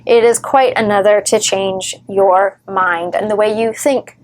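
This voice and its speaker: A woman's voice: medium pitch, fairly even intonation, unhurried, a little mellow. A woman giving earnest, reassuring advice straight to camera as a recovery vlogger, with the odd wry joke. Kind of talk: encouraging direct-to-camera advice.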